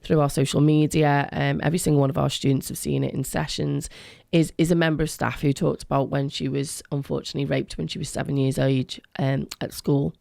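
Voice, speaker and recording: A middle-aged woman with a creaky voice, talking earnestly and emphatically as a guest in a radio interview. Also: low-pitched, level tone, fairly quick, darkish tone, dry recording, clean studio sound. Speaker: education worker, interview guest.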